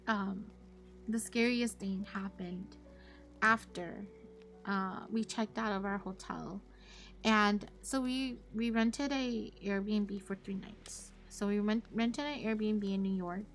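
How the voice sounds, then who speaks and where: A woman's voice: mid-range voice, fairly even intonation, takes it slowly, faint music behind. A woman live streamer telling a rambling story to her chat in a casual way, full of fillers. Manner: chatty, rambling, many fillers; greets chat viewers mid-story.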